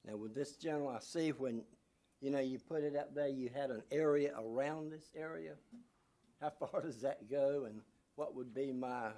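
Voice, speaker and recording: Man, local landowner, public comment, halting, folksy, at a podium. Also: mid-range voice, warm tone. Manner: halting, folksy, with many fillers. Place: county meeting room, at a podium mic.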